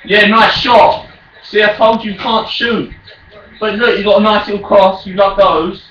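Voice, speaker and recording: A British man trash-talking as a raging gamer during an online football game, shouting and taunting his opponent. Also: sits high, little pitch movement, normal speed, dull audio. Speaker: video game player. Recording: echoey room, distant mic, faint noise.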